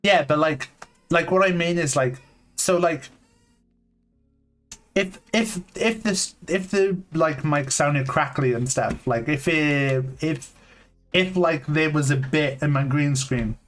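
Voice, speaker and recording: A man in his late thirties talks live to his stream from a home desk setup. His voice is slightly high and his talk is candid and halting, full of restarts and "like." Quiet lo-fi music plays behind him. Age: 30s. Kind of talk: casual live-stream chat. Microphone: desk mic on a long cable. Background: faint lo-fi music playing.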